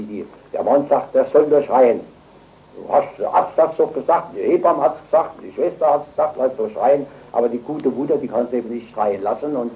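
Older man, preacher, emphatic sermon, loud stresses and quiet asides, medium pitch, muffled lo-fi recording. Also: slight background noise. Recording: dull lo-fi recording.

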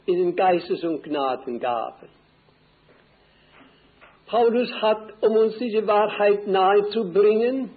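An older man preaching a sermon slowly and deliberately, repeating key phrases for emphasis. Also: high voice. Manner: slow, deliberate, emphatic repetition. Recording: tinny phone-like old recording.

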